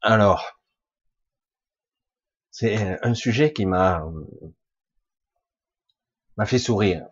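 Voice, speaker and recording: A man with a hoarse, husky, chesty voice recovering from a cough, giving a rambling, blunt, informal monologue to his followers, with casual swearing. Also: lowish voice, very slow, long pauses, dry recording, dull audio. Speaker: spiritual vlogger speaking to followers.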